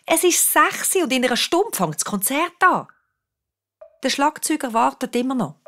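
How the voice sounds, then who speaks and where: Lebhafte Schweizer Erzählerin eines Kinderhörbuchs. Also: female voice, sits high, normal speed. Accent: Swiss German. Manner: lively, expressive storytelling. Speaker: narrator. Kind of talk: children's audiobook narration.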